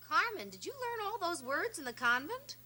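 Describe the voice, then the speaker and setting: A woman's voice: very high voice, big pitch swings, moderate pace, sharp tone, full character voice. A woman playing a proud, combative middle-aged divorced mother in a television drama, blunt, scolding and sarcastic. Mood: loud scolding. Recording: noisy 1970s television soundtrack.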